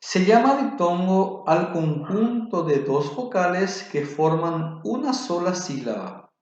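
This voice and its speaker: A man giving a spoken grammar lesson, slow and deliberate, spelling out examples. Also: high voice, very animated, darkish tone. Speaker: teacher. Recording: very echoey, dull lo-fi room.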